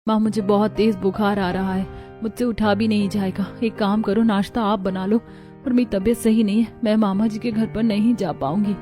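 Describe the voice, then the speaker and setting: A woman's voice: medium pitch, fairly even intonation, normal speed, mellow, faint music behind, close to an everyday voice. A woman voicing a seventeen-year-old girl in a cartoon story, speaking in a pleading, hurt way. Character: 17-year-old girl, neglected and longing for love. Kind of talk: cartoon voice acting.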